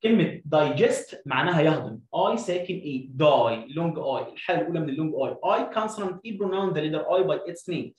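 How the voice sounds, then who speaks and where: A man's voice: a little high, expressive, fast talker, hardly any pauses, roomy sound, far from the mic, low-quality recording. A man with an Egyptian Arabic accent teaching an English lesson, drilling pronunciation by repeating sounds. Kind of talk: video lesson.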